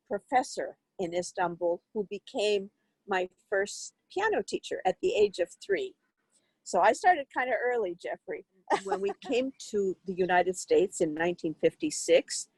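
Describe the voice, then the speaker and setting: An older Turkish woman, a violinist, reflects on her life story in a conversational interview, often using fillers and restarting her sentences. Her voice is medium-pitched, and the low-quality recording has no room sound.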